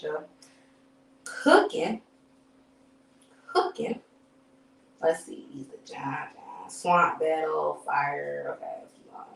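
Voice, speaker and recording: A woman's voice: mid-range voice, fairly bright tone. Lady doing a live rap recap, swears a lot, chill rambling, echoey room kinda far from the mic. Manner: loose, profane and conversational, with frequent fillers and sighs. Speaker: battle rap recap host. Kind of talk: casual live-stream commentary.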